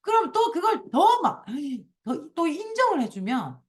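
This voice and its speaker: Animated woman with a lively pitch. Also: measured pace. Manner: animated, acts out quoted complaints in a raised voice. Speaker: book club host. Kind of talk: casual book discussion, reading passages aloud.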